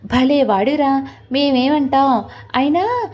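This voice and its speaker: A woman's voice: high-pitched, expressive, slow, darkish tone. A woman voicing a sly sister-in-law who teases and mocks. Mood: mocking. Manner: mocking.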